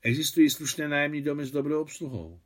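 A man reading the lines of a gentle, wealthy woman benefactor in a novel, softly and measuredly. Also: a little high, voice pushed up, lightly acted. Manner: soft, measured.

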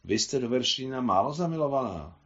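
A man's voice: medium pitch, lively intonation, dull audio, close to an everyday voice. Man reading as an insistent theatre director. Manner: coaching, insistent.

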